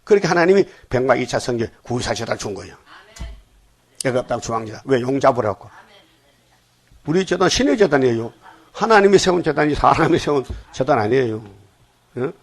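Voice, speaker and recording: An older man preaching a dawn sermon in a blunt Gyeongsang accent, often stopping to ask the congregation questions. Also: medium pitch. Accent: Gyeongsang Korean. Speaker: pastor.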